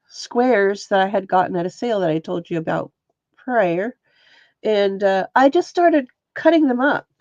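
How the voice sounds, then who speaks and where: Showing off her stitching on a casual livestream, a textile artist talks to viewers by name despite a sniffly, stuffy nose. Her voice is on the high side with a darkish tone, recorded lo-fi and without echo.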